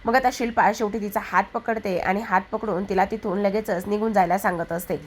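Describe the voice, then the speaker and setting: A woman's voice: medium pitch, steady tone, brisk, slight background noise. A woman narrating a recap of a TV serial episode in a plain, conversational storytelling manner. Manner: plain, conversational retelling with fillers.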